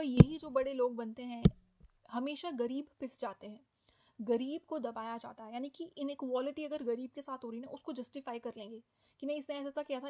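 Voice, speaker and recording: A woman teaching a sociology exam-prep lecture in mixed Hindi and English. She explains step by step, often checks in with "okay?", and slows down to stress key English terms. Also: high voice, darkish tone, low-quality recording.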